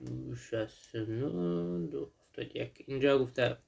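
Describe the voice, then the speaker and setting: Male teacher, mid-pitched, walks students through a textbook with slow example words. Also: vocal fry, a little mellow, slightly rough. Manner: switches between slow English examples and quick explanations. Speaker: English teacher. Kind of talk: explaining a textbook lesson.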